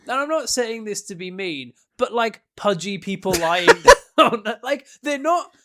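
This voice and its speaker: A man co-hosting a podcast in casual chat, animated and joking, often breaking into laughter. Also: high-pitched, a little slow, a little hiss or hum. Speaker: podcast co-host.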